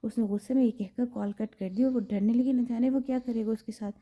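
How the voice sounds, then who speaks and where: A woman narrates a romantic audio novel with dramatic storytelling. Her voice sits fairly high and comes through a muffled, lo-fi recording. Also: fairly even intonation. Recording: slightly dull lo-fi recording.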